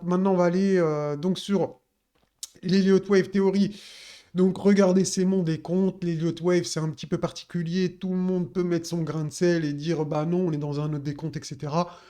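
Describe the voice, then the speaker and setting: A man talks through market charts in a casual, chatty way, often turning to his viewers. His voice sits a little high but sounds warm and mellow. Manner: casual, addresses viewers directly with frequent fillers. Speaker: crypto market analyst. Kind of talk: chart analysis walkthrough.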